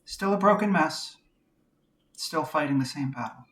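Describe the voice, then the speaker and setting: Woman, reflective first-person narration, quiet and measured, candid, pauses often. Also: low-pitched, expressive. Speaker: video essayist.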